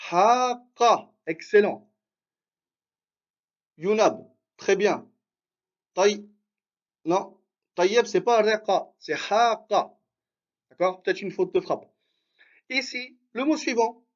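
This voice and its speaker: A man's voice: high-pitched, highs cut off. A man teaching Arabic reading in a live online lesson, patiently sounding out syllables and praising his students by name.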